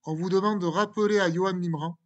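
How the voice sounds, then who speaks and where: A man's voice: high voice, steady tone, fast talker, lo-fi sound. French man correcting an exam. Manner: conversational, repeats words, many fillers and restarts. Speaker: teacher.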